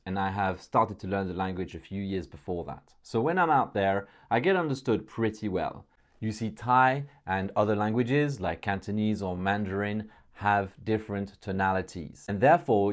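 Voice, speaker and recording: A man's voice: lowish voice, a little mellow. A man speaking English as a second language, patiently explaining a point with examples like a public speaking coach. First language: not English. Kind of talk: explanatory talking-head lesson.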